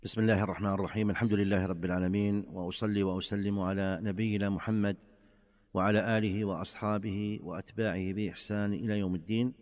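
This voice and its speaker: A man, a religious scholar, answering in formal Standard Arabic in short, deliberate phrases. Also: lowish voice, level tone, a little mellow, long reverb tail.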